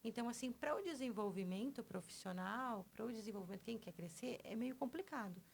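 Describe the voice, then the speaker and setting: A podcast guest from Porto Alegre in southern Brazil, a personal trainer with a Gaúcho Portuguese accent, tells her life story in chatty, conversational fashion, often tacking on tag questions. Her voice is on the high side, animated, brisk and gravelly. She sits close to a studio microphone, with slight background noise.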